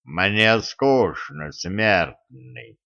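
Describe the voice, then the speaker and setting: A giant male stone monster rumbles out his threats in a booming, hollow voice, as a male audiobook reader puts him on. He drags each word out slowly and mockingly, low in pitch. The recording sounds dull and lo-fi. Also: lively intonation, sharp tone, full character voice. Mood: menacing. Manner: slow, drawn-out threatening speech.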